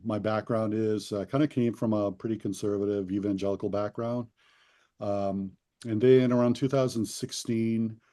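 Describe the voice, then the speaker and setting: Low-voiced man, rambling self-introduction. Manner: relaxed, rambling with many fillers. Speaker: tour company guide. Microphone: video call.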